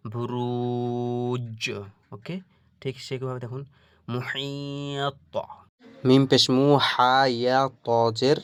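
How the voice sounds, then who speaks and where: Male teacher for a Quran reading lesson, mid-pitched, dry close sound, patient, asks students questions and recites words slowly. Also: dry recording.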